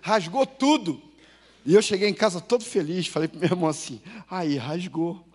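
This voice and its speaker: A Brazilian pastor delivers a sermon to his congregation in a high voice. He tells homely stories and throws questions to the pews, swinging from loud bursts to hushed asides. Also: normal speed. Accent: Brazilian Portuguese. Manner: storytelling, lively swings between loud and hushed. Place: church.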